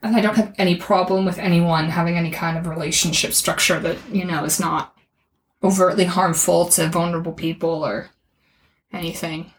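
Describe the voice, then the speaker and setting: A woman's voice: lowish voice, steady tone, brisk. A woman co-hosting a podcast, opinionated and casual, swearing freely and referencing essays. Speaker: podcast co-host. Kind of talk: casual chat.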